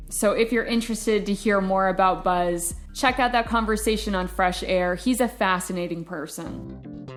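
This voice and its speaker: Wry woman podcast host. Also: mid-range voice. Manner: playful, sarcastic asides. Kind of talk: wry true-crime review narration.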